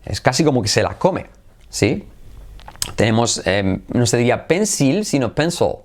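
A man leads an animated pronunciation lesson. His voice sits at an ordinary middle pitch but swings widely up and down as he drills words over and over and slips into snatches of song. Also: normal speed. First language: Spanish. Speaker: English pronunciation teacher. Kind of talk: energetic spoken lesson.

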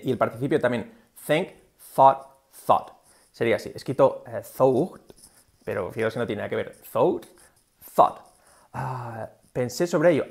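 Gravelly man teaching English. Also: mid-range voice. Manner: explains with many fillers and restarts, models English words. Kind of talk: casual video lesson.

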